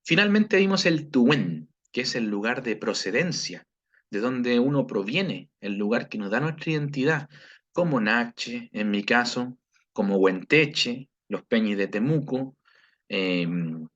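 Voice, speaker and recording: A man with a Chilean Spanish accent teaching a recorded video lesson, patiently checking in with his students and pronouncing example phrases slowly and carefully. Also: mid-range voice, lively intonation, a bit bright. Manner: patient, checks in with frequent "¿ya?" and "¿cierto?". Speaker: language teacher. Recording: slightly dull lo-fi recording.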